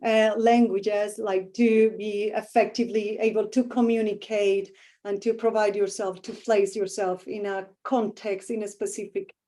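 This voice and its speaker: A middle-aged professor with a Colombian Spanish accent takes interview questions thoughtfully, searching for the right words amid many fillers. She speaks unhurriedly in a warm, level, mid-range voice.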